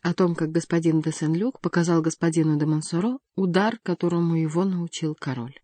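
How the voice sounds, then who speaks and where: A woman reading a classic novel aloud as an audiobook narrator, at a measured pace. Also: fairly low pitch, dark tone, no room sound. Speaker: audiobook reader. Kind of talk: scripted narration.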